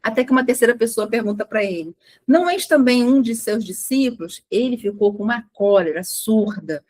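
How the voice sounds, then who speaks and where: A woman's voice: fairly high pitch, lively intonation, a little fast, darkish tone. A woman retelling a scripture story in a study talk, earnest, with frequent restarts. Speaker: study group speaker.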